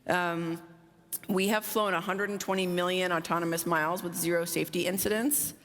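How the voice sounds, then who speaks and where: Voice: medium pitch, fairly even intonation, moderate pace, a bit bright. A panelist with a mid-range voice talks fluently and upbeat, dropping casual fillers throughout. The voice carries a long reverb from a large conference hall. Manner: fluent, upbeat, many "you know" fillers. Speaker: drone logistics company founder, panelist.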